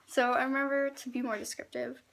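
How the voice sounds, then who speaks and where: Embarrassed, creaky young woman reading aloud. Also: high voice, little pitch movement, a bit bright. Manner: embarrassed, self-conscious reading aloud, giggly and halting. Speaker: vlogger reading own diaries. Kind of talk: casual chat, reading diary aloud.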